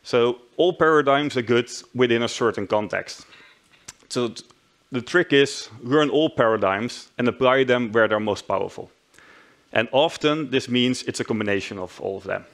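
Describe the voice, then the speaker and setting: On the stage of a big conference hall, a conference speaker from the Netherlands, a man in his thirties, delivers a tech talk in a fairly bright, mid-range voice at a moderate pace. His Dutch accent comes through, and his manner is warm and self-mocking. He frequently stops and starts sentences over.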